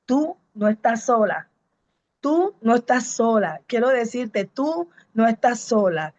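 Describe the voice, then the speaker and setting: A woman's voice: fairly high pitch, animated, takes it slowly, darkish tone, no room sound, dull audio. A woman pastor and evangelist, giving a fervent preaching testimony to a congregation and repeating her key phrases. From Colombia.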